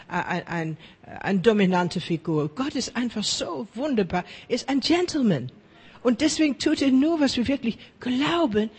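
A woman preaching a sermon in lively, chatty talk, often checking in with her listeners, with slightly broken grammar. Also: fairly high pitch, husky, long reverb tail.

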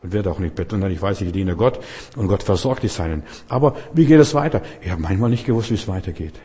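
Middle-aged guy preaching, husky voice, chatty and emphatic, echoey hall. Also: low voice, lively intonation, quick pace, dark tone. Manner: emphatic, storytelling, colloquial asides. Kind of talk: sermon. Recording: long reverb in a hall.

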